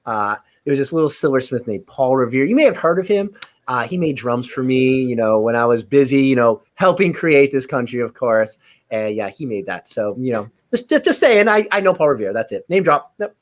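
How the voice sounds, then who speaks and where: A man's voice: mid-range voice, expressive, a little fast, lightly acted. A man playing a rambling, boastful founding father. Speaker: bachelor contestant. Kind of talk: improv game-show comedy.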